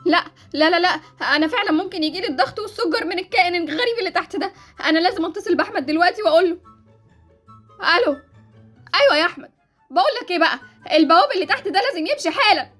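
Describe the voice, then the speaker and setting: A woman's voice: extremely high pitch, animated, rapid-fire, fairly bright tone, faint music behind. A woman with an Egyptian Arabic accent voicing an exasperated housewife in a game drama, scolding and theatrical. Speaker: channel creator voicing a game series.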